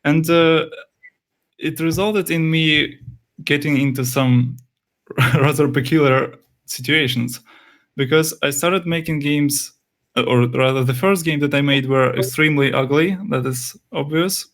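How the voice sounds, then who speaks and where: A young game developer with Russian as his first language fields interview questions, hesitating and restarting with plenty of fillers. His voice sits fairly high, a bit bright, and he speaks a little slowly.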